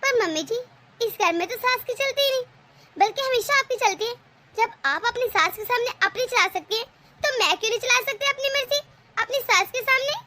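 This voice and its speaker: A woman's voice: very high voice, fairly quick, pushed and bright. A woman voicing a clever young daughter-in-law in a cartoon, sweetly polite but cheeky. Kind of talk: animated cartoon voice acting.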